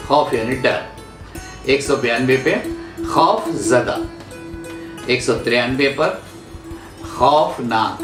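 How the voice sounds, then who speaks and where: Man from india teaching word sounds real slow, echoey room, faint music under it. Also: mid-range voice. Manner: spells out words slowly, repeating them for emphasis. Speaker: Urdu pronunciation teacher. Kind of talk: slow explanatory lesson.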